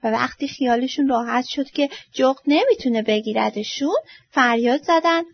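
Gravelly-voiced woman reading a children's story. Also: high voice, no echo. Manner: expressive, dropping soft at line ends. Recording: dull lo-fi dry recording.

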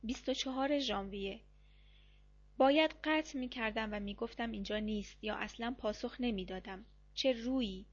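Woman reading a diary-style story. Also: on the high side. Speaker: audiobook narrator. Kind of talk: first-person diary reading. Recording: dull lo-fi recording.

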